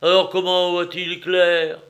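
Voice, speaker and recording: A man's voice: a little high, expressive, drawn-out words, gravelly, highs cut off, exaggerated voice. Brief: a man doing a greedy, easily astonished hungry man, raised and eager, audiobook read. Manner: exclaiming, eager questions. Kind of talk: audiobook character reading.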